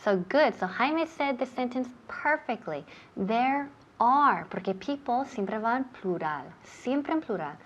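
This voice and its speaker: A woman's voice: on the high side, lively intonation, slow, hardly any pauses. A woman teacher from running a bilingual English lesson, patiently repeating words for pronunciation drills. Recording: dull lo-fi sound.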